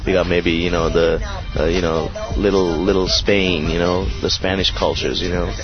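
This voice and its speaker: A man from Sri Lanka talking casually in an interview, animated and proud, rambling with fillers. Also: low voice, normal speed, highs cut off, over music. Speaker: interviewee, local resident.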